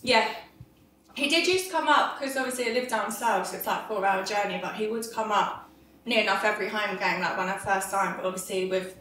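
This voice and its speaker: Bright, chatty woman in an echoey room. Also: medium pitch, a little fast, recorded from a distance, slight background noise. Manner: chatty and giggly. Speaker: footballer. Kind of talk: casual chat.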